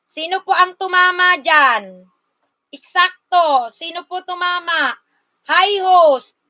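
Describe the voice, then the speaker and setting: A woman from Bicol in the Philippines hosting a casual livestream, slowly coaxing her viewers and talking to them directly. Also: very high-pitched, bright, forceful tone. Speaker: livestream host.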